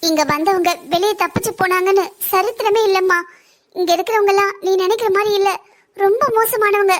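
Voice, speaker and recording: Figure: weary trapped woman, cartoon voiced by a woman. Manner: hushed, gentle, resigned. Pitch: very high. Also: steady tone, brisk. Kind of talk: cartoon story voice acting.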